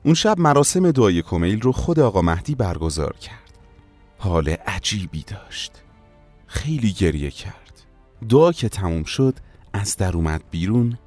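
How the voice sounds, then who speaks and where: Deep-voiced man narrating a war memoir. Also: a little mellow. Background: faint music.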